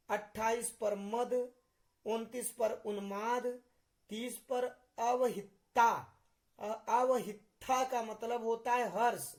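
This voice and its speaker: A man's voice: very high-pitched, darkish tone. A male teacher giving a literature lesson, who calls his students children and repeats key terms back to them as questions. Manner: spells out and dictates terms slowly.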